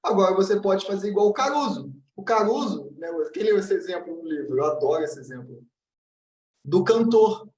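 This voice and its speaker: A man's voice: high voice, expressive, normal speed, darkish tone. Blunt man teaching in a roomy room. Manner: blunt and direct, acts out quoted voices. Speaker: teacher of self-knowledge. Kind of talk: commented book reading lesson. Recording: roomy, distant mic.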